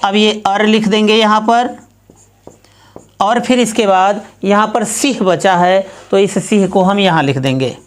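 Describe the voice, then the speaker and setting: A woman's voice: mid-range voice, unhurried. A woman teaching Sanskrit grammar, walking through each step methodically and repeating herself as she works an example.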